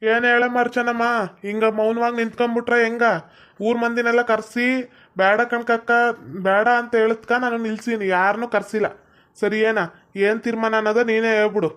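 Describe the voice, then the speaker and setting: A woman's voice: fairly high pitch, flat delivery, fairly quick. A woman with a North Karnataka Kannada accent, scolding and pleading in a village skit. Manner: scolding, pleading, dialect-heavy. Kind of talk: scripted village comedy-drama. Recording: dull lo-fi sound.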